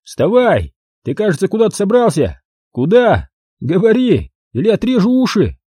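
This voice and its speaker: Male narrator doing brutish young thug; sneering, bullying, pitched up, husky. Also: wildly swooping pitch, normal speed, dark tone, no echo, heavily acted. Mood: threatening. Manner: rough, sneering commands. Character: young male thug, coarse, mocking and menacing.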